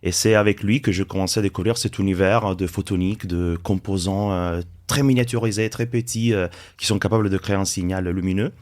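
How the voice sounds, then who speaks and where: A man from Turin with an Italian accent, a native Italian speaker, explaining things calmly as a podcast guest with frequent hesitations. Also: sits low. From Italy, Turin. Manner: measured, explanatory, many hesitations. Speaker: startup founder, podcast guest. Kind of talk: casual interview.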